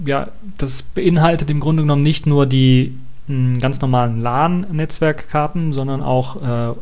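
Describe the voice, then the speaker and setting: A man talking through a software release in a relaxed, unscripted way. He hesitates often, restarts his sentences and fills the pauses as he thinks. His voice sits at an ordinary middle pitch for a man. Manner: thinking aloud with many filler sounds and restarts. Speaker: tech reviewer. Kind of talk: casual spoken software review.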